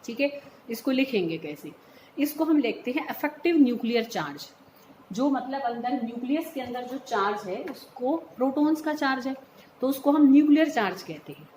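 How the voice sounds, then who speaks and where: Woman teacher, fairly high voice, patient explainer, echoey room with faint hum. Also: expressive, moderate pace, darkish tone. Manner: patient, explains step by step, checks understanding by calling students "beta". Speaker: chemistry teacher. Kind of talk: classroom lecture mixing Hindi and English terms.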